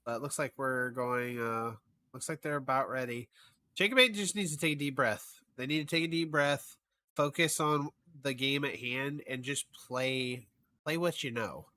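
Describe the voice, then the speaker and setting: Bright-voiced casual esports caster man. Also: medium pitch, moderate pace. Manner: chatty, thinking aloud, trailing off. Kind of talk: casual match commentary.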